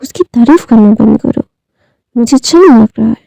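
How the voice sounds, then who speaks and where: A woman's voice: fairly high pitch, expressive, a little fast, vocal fry, dark tone, no room sound. A woman reading the curt lines of a jealous, sulky young man. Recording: dull lo-fi dry recording.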